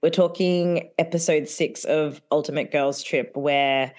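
A young adult woman co-hosting a podcast in casual chat, giggly and animated, with lots of "like". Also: low voice, measured pace. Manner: giggly, animated, says "like" a lot. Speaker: podcast co-host.

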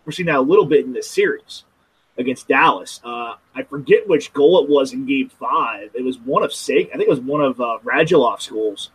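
Husky-voiced man talking hockey. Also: mid-range voice, lively intonation, normal speed, low-quality recording. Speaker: podcast co-host. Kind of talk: casual sports chat.

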